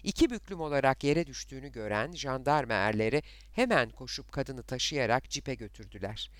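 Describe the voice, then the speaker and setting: Expressive male storyteller, smooth voice. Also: mid-range voice, fairly quick, no echo. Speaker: narrator. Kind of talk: scripted narration of a novel.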